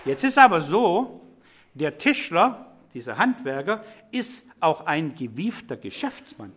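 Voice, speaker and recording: High-voiced man preaching a sermon. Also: big pitch swings, a little slow, a bit bright, slightly rough. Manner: conversational, explanatory, addresses congregation directly.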